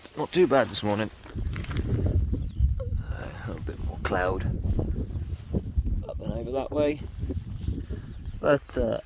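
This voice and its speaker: Gravelly-voiced man vlogging outdoors. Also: mid-range voice, slow, pauses often, heavy background noise. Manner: relaxed, chatty, lots of ums. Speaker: wild camping vlogger. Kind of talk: casual outdoor vlog narration. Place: outdoors on a windy hillside.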